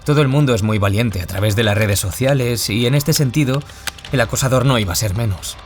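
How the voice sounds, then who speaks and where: In a scripted radio interview with music in the background, a man with a Peninsular Spanish accent plays an earnest, reflective author who survived bullying, his mood reflective and serious. His mid-range voice sounds close to everyday speech and runs a little fast.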